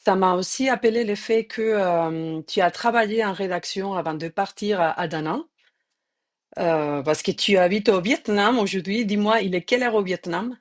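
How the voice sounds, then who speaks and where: A woman's voice: mid-range voice, normal speed. A middle-aged woman from Spain with a Spanish accent, hosting a live-streamed interview in a hesitant way, with many fillers and restarts. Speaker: host, journalist.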